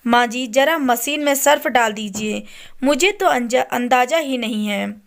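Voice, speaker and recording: A woman's voice: on the high side, unhurried, vocal fry. A woman voicing a polite young daughter-in-law in a storybook, respectfully asking questions. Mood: dutiful. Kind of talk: storybook character voice.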